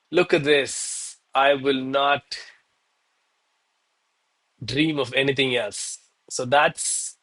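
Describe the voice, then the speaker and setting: Speaking in a mid-range, fairly bright voice, a man runs a trading livestream full of casual commentary for his chat. He sounds like a hyped gym bro, informal and bro-heavy, constantly addressing viewers as bro, man or guys.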